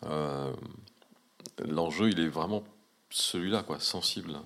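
A man's voice: rumbling low, slow, a bit bright. A man in casual conversation, speaking reflectively with many hesitations and restarts.

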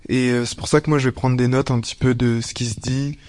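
A man's voice: mid-range voice, fairly even intonation, quick pace, a little mellow. A young man of eighteen explaining things informally to a group. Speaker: civic service volunteer, note-taker.

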